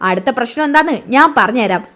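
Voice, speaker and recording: A woman doing an angry young man, shouting orders. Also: on the high side, lively intonation, fast. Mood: angry commanding. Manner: shouting, commanding. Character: angry young man confronting his family.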